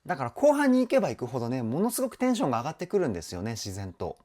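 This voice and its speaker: A man's voice: mid-range voice, wildly swooping pitch, very fast, mellow, a little hiss or hum. A man working as a vocal trainer, reacting to a song with enthusiasm and explaining singing technique in casual talk. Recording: music playing in the background.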